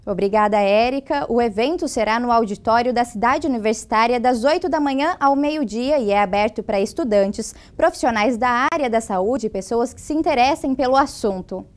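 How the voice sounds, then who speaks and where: A woman's voice: on the high side, brisk, hardly any pauses. A woman in her twenties anchoring a TV newscast, reading scripted items composedly in a studio. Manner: clear, composed delivery. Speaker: news anchor. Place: TV news studio.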